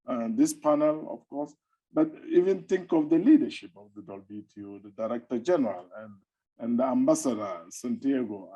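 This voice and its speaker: Husky, mellow-voiced middle-aged male researcher. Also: mid-range voice, highs cut off. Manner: animated, conversational, digressive with playful asides. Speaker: academic fisheries researcher, webinar panelist. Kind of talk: webinar talk.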